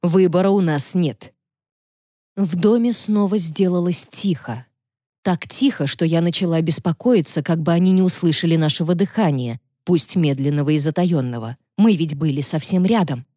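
Female audiobook narrator, calm and even, dark mellow tone, dry close recording. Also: fairly low pitch, normal speed, no echo. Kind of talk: scripted narration.

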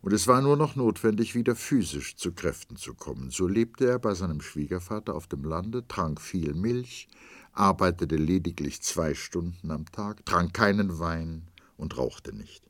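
Man reading a literary audiobook: deep, husky voice, wide pitch swings, dramatic with hushed passages. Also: expressive, unhurried, dry recording. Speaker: audiobook narrator.

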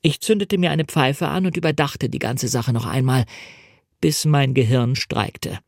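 A man narrating a first-person adventure novel in a measured, clear storytelling manner. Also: mid-range voice, no echo, clean studio sound. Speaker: audiobook reader.

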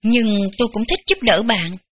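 Female audiobook reader, bright tone, gentle unhurried memoir narration. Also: a little high, big pitch swings, breathy edge. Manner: gentle, unhurried storytelling with light laughs. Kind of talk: memoir read aloud.

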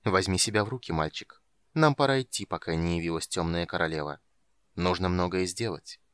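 A man voicing a frail, sinister old archmage who speaks softly and with menace. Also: brisk, smooth, dry recording, clean studio sound, lightly acted. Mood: soft consoling. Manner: soft, low, menacing. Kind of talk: audiobook character reading.

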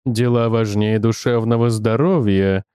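A man voicing a stern, mocking inner voice that urges a troubled man toward violence, speaking low and slow. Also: a little mellow, smooth, no room sound, clean studio sound, lightly acted. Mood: insistent. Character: stern menacing inner voice, male, urging violence.

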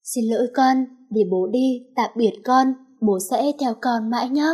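A woman voicing a gentle, remorseful older father saying goodbye to his daughter in a storybook reading. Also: on the high side, steady tone, unhurried, husky. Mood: tender, remorseful.

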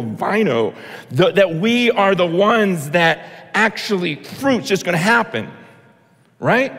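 A man's voice: sits high, a bit bright. A male pastor giving an impassioned, conversational sermon, often restarting his sentences. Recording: long hall reverb.

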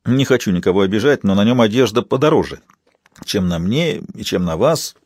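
A man voicing Angel, a calm, polite male visitor who speaks in a measured, politely pointed way in an audiobook. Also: on the low side, slightly rough, no room sound, studio quality.

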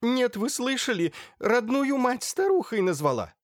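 Shrill spiteful matron, voiced by a man. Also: big pitch swings, moderate pace, dry recording, clean studio sound. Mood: furious, spiteful. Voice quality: shrill, screeching. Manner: venomous insults, theatrical outbursts. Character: shrill hysterical middle-aged woman, spiteful mother.

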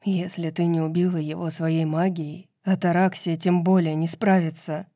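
A woman's voice: fairly low pitch, little pitch movement, moderate pace, warm tone, no echo, studio quality. A woman voicing a terse winged warrior man. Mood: strained. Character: quiet tense young man, winged warrior.

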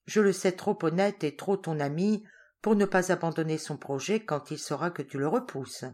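A woman reading the part of a gentle, reassuring young man in a storybook. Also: fairly low pitch, moderate pace, lightly acted. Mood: tender. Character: young man, gentle loving childhood friend.

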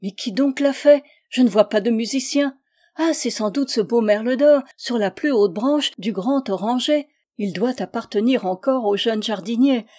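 A woman's voice: on the high side, moderate pace, a little mellow, close to an everyday voice. A woman reading a storybook, voicing a haughty, spoiled young princess who gives commands. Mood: amazed. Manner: commanding, exclamatory.

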